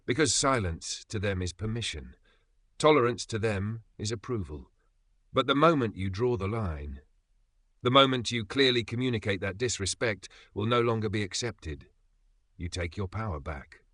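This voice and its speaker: Male narrator, low and punchy, for scripted motivational voice-over; deliberate emphatic phrasing, recorded dry and close. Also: a bit bright, no echo. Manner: measured, emphatic delivery with dramatic pauses. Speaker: channel narrator.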